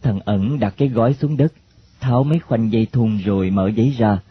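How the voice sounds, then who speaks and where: A man narrating a story in a plain, steady reading. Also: medium pitch, fairly quick, breathy edge. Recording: dull lo-fi recording, faint hiss.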